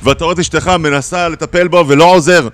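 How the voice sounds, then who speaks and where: A man's voice: fairly high pitch, dry recording. A man giving a short humorous Torah talk who acts out scenes and keeps checking in with his listeners. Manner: animated, acts out scenes, keeps asking "right?". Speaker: Torah teacher.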